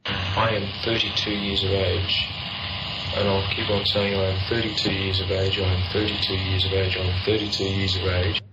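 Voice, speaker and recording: A man being interviewed, speaking deliberately and repeating himself, on a muffled old recording. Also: deep voice, flat delivery. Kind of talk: recorded conversation. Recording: muffled, noisy, distant recording.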